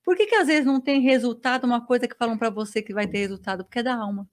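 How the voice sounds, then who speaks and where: A woman telling her faith testimony as a podcast guest, a lively storyteller who acts out dialogue. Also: a little high, rapid-fire. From Brazil.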